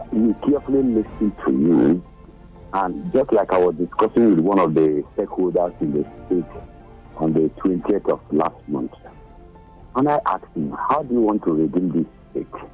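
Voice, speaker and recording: A man calling into a radio show, earnest and halting as he asks his question. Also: sits low, breathy edge. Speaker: radio caller. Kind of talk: phone-in call. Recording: dull phone line into radio.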